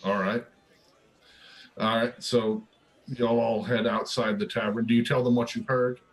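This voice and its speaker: The voice is a man of average pitch who is running a tabletop game. He narrates in a casual, chatty way. He hums little tunes and often restarts his phrases. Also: level tone, measured pace, low-quality recording. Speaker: dungeon master.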